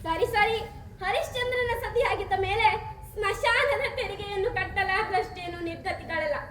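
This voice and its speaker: A young woman on stage voicing a stern, disgraced king who guards a cremation ground, speaking in lowered, measured commands. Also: fairly bright tone, a little hiss or hum. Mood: scornful. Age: late teens. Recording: echoey hall.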